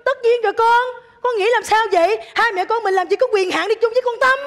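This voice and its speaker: A woman's voice: very high voice, fast talker. A woman playing a crude, bumbling stepmother in a stage comedy sketch, brash and bickering. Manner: brash, bickering, slapstick shouting. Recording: live stage with music and audience.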